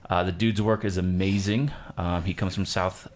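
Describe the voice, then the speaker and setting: A man's voice: low-pitched, fairly even intonation, normal speed. A man hosting a podcast, introducing his guest in a loose, rambling way with many ums. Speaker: podcast host. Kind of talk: casual chat. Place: cabin.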